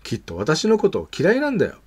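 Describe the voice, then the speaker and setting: A man's voice: a little high, huge pitch swings, fast, a little mellow, slightly rough, heavily acted. A man voicing a stubborn, defiant little girl as he reads a picture book aloud, with a pouting, insistent manner.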